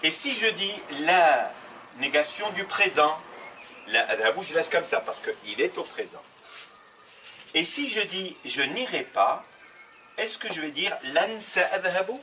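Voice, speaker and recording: A man's voice: on the high side, animated, unhurried, sharp tone. A man teaching a grammar lesson, asking questions and answering them himself, repeating examples. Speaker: Arabic teacher. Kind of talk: classroom lesson explaining grammar. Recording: slightly distant mic, faint background noise.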